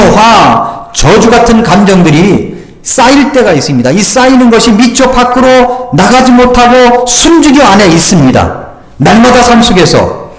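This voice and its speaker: Older man, pastor, sermon, lively pitch swings, echoey church sanctuary. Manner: emphatic preaching with rising and falling delivery, rhetorical questions.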